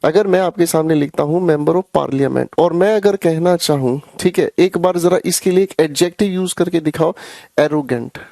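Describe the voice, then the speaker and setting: A man's voice: on the high side, moderate pace, gravelly, warm tone, dry recording, studio quality. A man teaching English grammar in a live online class, chatty and teasing, calling his students son and brother. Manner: chatty, teasing, addresses students as beta and bhai.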